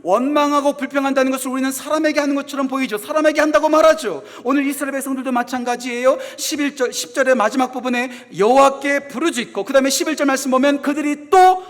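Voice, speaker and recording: A middle-aged Korean man preaching a sermon. He talks fast, repeats phrases for emphasis, and moves between loud exhortation and hushed asides. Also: very high-pitched, steady tone. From South Korea. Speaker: associate pastor. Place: church sanctuary. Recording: long hall reverb of a church.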